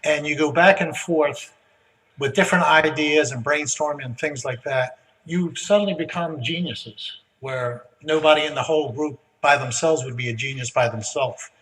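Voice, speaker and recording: A man giving a relaxed, folksy conference speech, with frequent "uh" fillers. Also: fairly high pitch, moderate pace, recorded from a distance, low-quality recording. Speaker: guest speaker. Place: conference hall.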